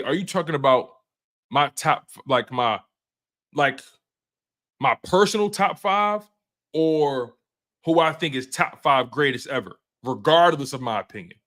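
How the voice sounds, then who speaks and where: A guy in his twenties runs a live sports-show stream, chatting loosely with viewers in slang, often repeating himself and starting sentences over. His pitch is fairly high, he talks a little slowly, and he leaves long pauses.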